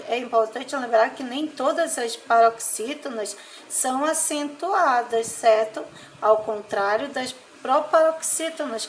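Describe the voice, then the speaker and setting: A Brazilian woman teaching a primary school class, dictating words one by one and explaining slowly and deliberately. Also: high-pitched, slight background noise, low-quality recording. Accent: Brazilian Portuguese. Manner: slow, deliberate word-by-word dictation. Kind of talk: recorded class lesson.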